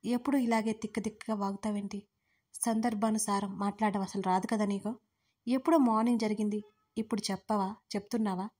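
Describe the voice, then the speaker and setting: A woman voicing a gruff, teasing young husband who scolds and jokes in quiet banter. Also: mid-range voice, fairly even intonation, brisk, no echo, close to an everyday voice.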